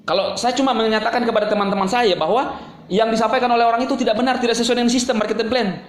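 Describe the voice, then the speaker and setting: A man's voice: very high-pitched, steady tone, racing, echoey room. A man hosting his own channel, delivering a scolding, sarcastic rant straight at a rival. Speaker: YouTube channel host. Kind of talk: angry ranting monologue to camera.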